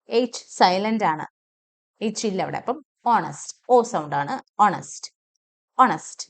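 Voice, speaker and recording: A woman with a Malayali accent runs a pronunciation lesson. Her pitch swings lively up and down, and she repeats each word slowly and deliberately. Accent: Malayali English. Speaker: English pronunciation teacher.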